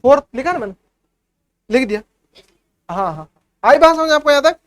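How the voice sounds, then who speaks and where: A man's voice: very high voice, expressive, normal speed, fairly bright tone. A man teaching a maths revision class for young pupils, explaining step by step and often checking that the class has understood.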